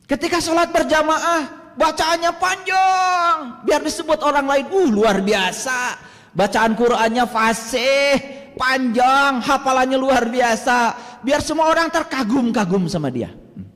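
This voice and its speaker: A man with an Indonesian accent delivers a sermon in a strikingly high voice, swinging from loud bursts to near whispers. He slows to chant Arabic verses, and his words ring out with a long hall reverb. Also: lively intonation. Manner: dramatic, swings from loud to hushed. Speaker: religious teacher.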